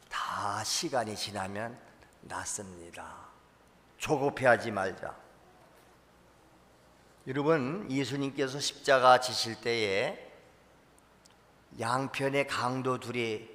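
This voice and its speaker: A male pastor preaching a sermon in a church sanctuary, swinging between loud cries and quiet, intimate lines. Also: mid-range voice, big-room sound.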